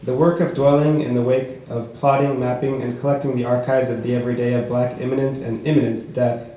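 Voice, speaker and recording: A man reads his own prose poetry at a book launch, in a measured, rhythmic cadence. His mellow voice sits at a middle pitch. The recording is very echoey, with faint room noise behind him. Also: flat delivery. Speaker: author reading his work. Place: bookshop event space.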